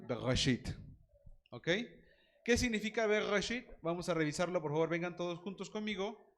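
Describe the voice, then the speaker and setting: A man's voice: a little high, a bit bright. A man teaching a Bible class, quizzing students by name and joking with them.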